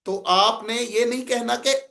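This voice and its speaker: A man's voice: very high voice, steady tone, vocal fry, bright, forceful tone. A man with a Punjabi-inflected accent teaching a class on public speaking, explaining plainly and then declaiming example lines to show intonation. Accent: Punjabi-inflected Urdu. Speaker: oratory teacher.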